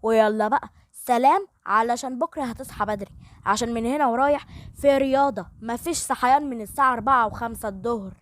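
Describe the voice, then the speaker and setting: A feisty young woman answers back boldly and teasingly as a narrator puts her on. She has an Egyptian Arabic accent, a fairly high voice and a rapid pace. The recording is dry and close. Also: dry recording, lightly acted. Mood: defiant. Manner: bold and teasing.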